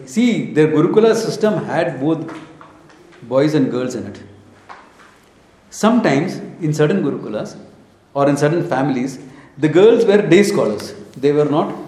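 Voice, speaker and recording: A man's voice: on the high side, expressive, normal speed, pauses often, dark tone. A man with an Indian accent giving an informal spiritual lecture, telling stories in short emphatic phrases, asking rhetorical questions and slipping into Hindi and Sanskrit. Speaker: spiritual teacher. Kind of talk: informal scripture lecture with storytelling. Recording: echoey room.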